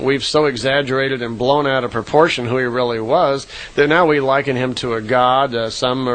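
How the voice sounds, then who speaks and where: A man of middle pitch telling a long story in a loose, rambling way. He fills gaps with "uh" and "I mean" and corrects himself as he goes. He sounds like a radio guest retelling at an easy, conversational pace. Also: fairly bright tone, poor audio. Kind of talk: casual spoken storytelling.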